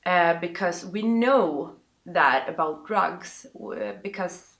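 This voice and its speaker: A woman with a Swedish accent, a native Swedish speaker, gives personal advice as an interview guest, haltingly searching for words. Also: lowish voice, lively intonation, a bit bright. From Sweden. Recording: roomy, echoing sound.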